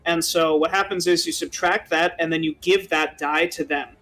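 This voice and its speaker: A young man as game master, narrating a tabletop game in an animated, casual way. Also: on the high side, moderate pace.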